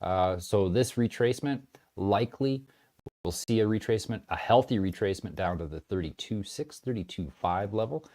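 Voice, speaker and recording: Lower-voiced man rambling about markets. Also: normal speed. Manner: rambling, animated, often restarts. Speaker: market commentator. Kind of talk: casual trading commentary.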